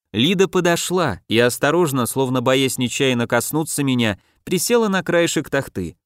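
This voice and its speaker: A man narrating a first-person audiobook in a calm, measured, contemplative manner. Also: mid-range voice, no room sound, studio quality.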